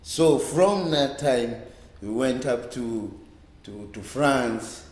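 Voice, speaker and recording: Expressive and medium-pitched with a darkish tone, a South African reggae bass player in his fifties from a Cape Town township tells a rambling, halting story, repeating words. The casual oral-history interview was recorded in a roomy, echoey library room.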